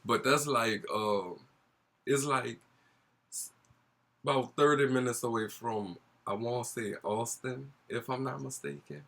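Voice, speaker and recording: A man's voice: medium pitch, a little slow, fairly bright tone. A young man with a New Orleans accent telling a casual vlog story in a gossipy, sassy, slangy way. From New Orleans, USA. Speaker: YouTube storyteller.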